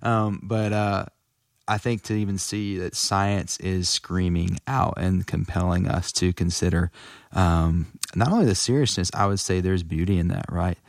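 A man's voice: sits low, fairly even intonation, unhurried, no room sound, studio quality. A man with a West Texas accent hosting a casual interview, feeling his way through questions as he rephrases them.

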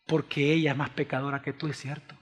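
High-voiced preacher in a hall. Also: male voice, little pitch movement, fast, breathy edge. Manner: swings from hushed pleading to raised, emphatic preaching. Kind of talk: sermon. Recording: long reverb of a large hall.

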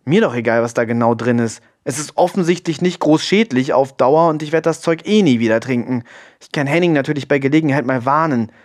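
A man's voice: medium pitch, fairly quick, pitched above the performer's own voice, lightly acted. A man voicing an uneasy young woman who protests and exclaims. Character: young woman, anxious, easily exasperated.

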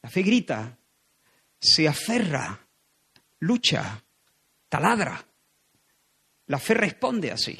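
High-voiced impassioned preacher. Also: male voice, big pitch swings, takes it slowly, creaky, long pauses, breathy edge. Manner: impassioned, rising to loud emphatic repetition. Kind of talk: sermon.

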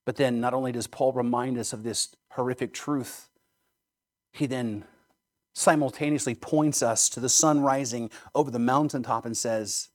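A man preaching a sermon as a pastor, earnest and emphatic, drawing in his listeners with rhetorical questions. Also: mid-range voice.

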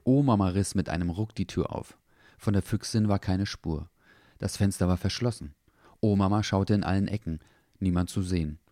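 A man narrating a children's story in a calm, even way. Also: sits low, moderate pace, dry recording, clean studio sound.

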